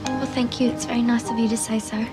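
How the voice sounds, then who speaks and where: An actress playing a sensitive, hurt young Australian bride-to-be in a television soap, wounded and emotional. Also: female voice, a little high, little pitch movement, fast, natural voice. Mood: guarded. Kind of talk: television soap drama acting. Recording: TV soundtrack, faint music.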